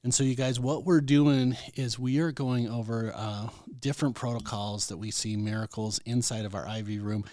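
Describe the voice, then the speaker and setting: A man's voice: mid-range voice, steady tone, moderate pace, few pauses, darkish tone, no echo. An American man hosting a health talk radio show as a doctor, speaking in a folksy, informal way straight to listeners.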